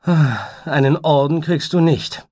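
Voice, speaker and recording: A man voicing a flighty male butterfly minstrel in a storybook reading, high, playful and sing-song. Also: steady tone, a little slow, mellow. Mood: giddy.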